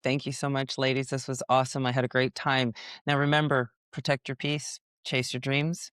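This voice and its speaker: A woman's voice: rumbling low, little pitch movement, normal speed, a bit bright, clean tone, dry recording, studio quality. A woman hosting a podcast, chatting in an upbeat, rambling way with lots of fillers and restarts. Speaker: podcast host. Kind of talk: casual podcast chat.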